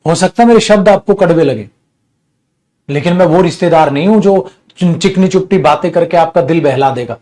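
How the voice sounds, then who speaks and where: A middle-aged man teaches an online grammar class from his studio, his voice sitting a little high. He lectures in a stern, earnest, scolding way, addressing his students directly as he talks into the camera mic. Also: fairly quick, mellow.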